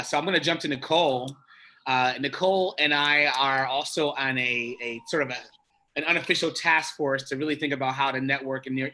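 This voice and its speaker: A man's voice: mid-range voice, sharp tone. A man moderating a video-call panel, upbeat and affirming, with loose fillers.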